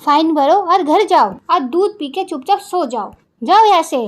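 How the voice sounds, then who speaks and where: A stern young female lawyer, as a woman narrator reads her lines, bossy and firm, with a high voice that carries authority. She lectures in a scolding tone. The lines come from a storybook-style drama retelling. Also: animated, moderate pace.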